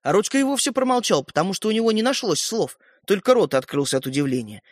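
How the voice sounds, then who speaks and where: A man narrating a children's audiobook in an expressive storytelling manner. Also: high-pitched, fast, no room sound, clean studio sound.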